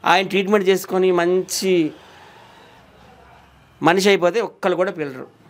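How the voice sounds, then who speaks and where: A man's voice: sits high, steady tone, moderate pace. A man speaking as an interview guest, insistently accusing and repeating his points. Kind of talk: heated interview talk.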